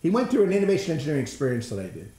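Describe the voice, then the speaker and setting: A man giving an energetic, blunt, folksy presentation on innovation, sometimes swearing for emphasis. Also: on the high side, very fast, echoey room. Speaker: innovation trainer.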